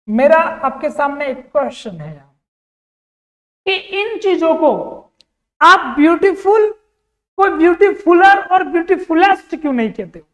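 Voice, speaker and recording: High-voiced male tutor, echoing hall. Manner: quizzes the class with repeated questions and answers. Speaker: teacher. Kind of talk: exam-prep grammar lesson. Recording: long reverb in a hall.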